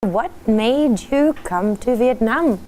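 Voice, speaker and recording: A woman's voice: fairly high pitch, animated, takes it slowly, a little mellow. A woman hosting a talk show, asking playful, encouraging questions. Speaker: host.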